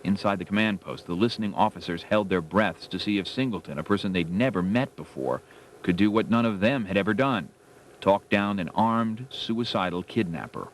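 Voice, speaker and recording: A man's voice: fairly low pitch, normal speed, a little hiss or hum, rough recording. A man presenting a documentary with dramatic scripted narration.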